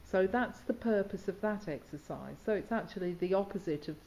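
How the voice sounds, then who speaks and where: A woman's voice: mid-range voice, expressive, brisk, mellow, highs cut off, a little hiss or hum. A woman teacher instructing students in diction, asking questions and demonstrating sounds. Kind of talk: questioning students and explaining exercises.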